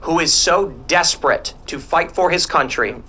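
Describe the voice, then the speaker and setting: A man giving earnest, explanatory commentary in a conversational panel-talk style, pausing to find words. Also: on the high side, sharp tone, slight background noise.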